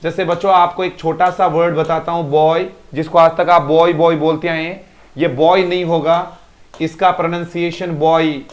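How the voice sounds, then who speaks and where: A man's voice: on the high side, flat delivery, normal speed. A male teacher in a live online class, repeating words to drill pronunciation and praising students by name. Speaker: English teacher.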